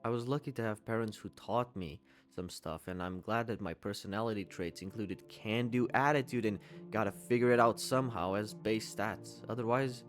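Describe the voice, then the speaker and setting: A man's voice: on the low side, moderate pace, few pauses, soft background music. A man in his twenties giving a candid, conversational commentary voice-over and swearing casually. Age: 20s. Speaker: YouTube commentator.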